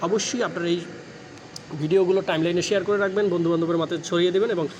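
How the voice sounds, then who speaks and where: Brisk man teaching English. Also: sits high, fairly even intonation, darkish tone. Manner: explains patiently to students, repeating drill sentences. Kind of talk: spoken English lesson. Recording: faint background noise.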